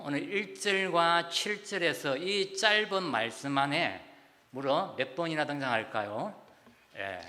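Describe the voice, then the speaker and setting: A middle-aged man from Gyeongsang with a Gyeongsang accent, preaching a sermon in a church and chatting warmly, often saying "ye" between phrases. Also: mid-range voice. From South Gyeongsang, Korea. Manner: warm, chatty preaching with frequent "ye" fillers. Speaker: pastor. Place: church sanctuary. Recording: long hall reverb.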